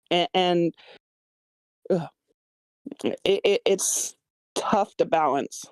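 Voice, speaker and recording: Speaking extremely slowly, this screenwriter has a lowish, darkish voice that comes across clear and resonant with no echo. In a casual feedback discussion of her own script, she hesitates and frequently stammers while explaining why she made her choices.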